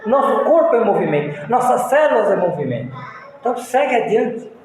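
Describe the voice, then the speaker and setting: A man's voice: very high-pitched, very animated, fairly quick, darkish tone. A man with a Brazilian accent giving a folksy moral lecture at a spiritist center, telling stories with many restarts. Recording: echoey hall, faint room noise.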